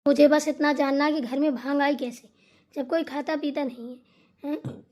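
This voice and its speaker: A woman voicing a sharp-tongued old mother-in-law in a cartoon comedy, scolding and complaining in rustic turns of phrase. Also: sits high, fairly even intonation, moderate pace, lightly acted. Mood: suspicious.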